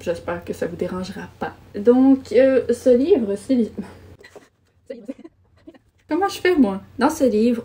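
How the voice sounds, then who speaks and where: A gravelly yet warm medium-pitched voice belongs to this young adult woman, a book vlogger with a Quebec French accent. She reviews books in a relaxed, chatty way, often putting herself down and going off on minor rants.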